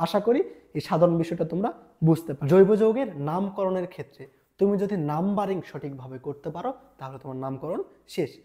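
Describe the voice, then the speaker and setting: Woman, revision tutor, rapid delivery, low mellow voice, asks and answers her own questions. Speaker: chemistry tutor. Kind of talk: exam-revision lecture.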